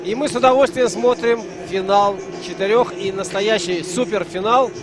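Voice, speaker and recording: A man's voice: high voice, moderate pace. A man working as a hockey commentator, giving live sports commentary.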